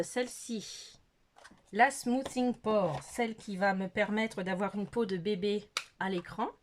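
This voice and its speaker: A woman's voice: mid-range voice, slight background noise. A middle-aged woman chatting casually through a makeup tutorial in her bedroom, filmed on a phone, hesitant and full of fillers, laughing at herself. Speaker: beauty vlogger. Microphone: phone camera.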